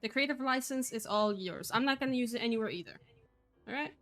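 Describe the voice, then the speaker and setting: A woman's voice: fairly high pitch, fairly bright tone, soft background music. A woman from Poland, not a native English speaker, speaking firmly on an online group voice call and filling her sentences with "uh" and "um". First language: Polish. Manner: firm, measured, with frequent fillers. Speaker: call moderator.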